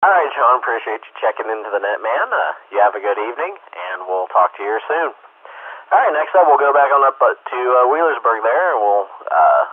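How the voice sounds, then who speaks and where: A man's voice: medium pitch, sing-song, fairly quick, husky, dry recording. An American man hosting an amateur radio net in an informal, buddy-to-buddy way over a two-way radio. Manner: informal, calls people buddy. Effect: two-way radio transmission. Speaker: radio net control host. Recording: dry, very narrow-band radio audio.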